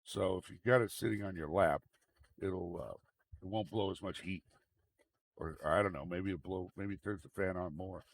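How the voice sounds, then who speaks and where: A man with a fairly low, very creaky, gravelly voice talks through a computer demonstration off the cuff. He rambles casually and often repeats his phrases. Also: moderate pace. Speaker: tech video host. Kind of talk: casual unscripted screen demonstration. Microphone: microphone into computer audio mixer. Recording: very noisy microphone with fan noise. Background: fan running.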